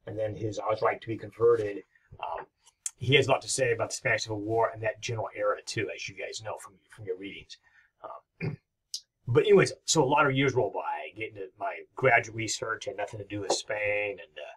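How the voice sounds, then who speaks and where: Recorded in low quality, a middle-aged history professor lectures from his home office in a fairly low, fairly bright voice with a breathy edge. His talk is rambling and enthusiastic, with many fillers.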